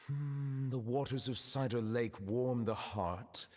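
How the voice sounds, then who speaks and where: An actor playing a dignified male chief justice in game cutscene dialogue, who speaks in a formal, deliberate, precise way. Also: mid-range voice, big-room sound. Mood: composed.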